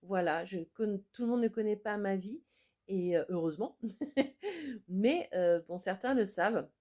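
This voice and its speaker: A woman's voice: medium pitch, lively intonation, unhurried, mellow. A woman working as an energy healer, speaking to viewers in an earnest, reflective improvised monologue. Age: adult with children.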